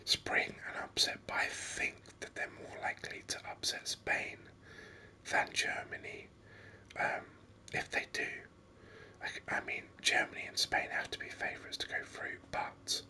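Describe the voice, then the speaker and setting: This gaming video host whispers through his commentary on a video game in ASMR fashion, meandering without hurry and staying close to the mic. The whisper sounds breathy and very bright, edged with sharp crispness.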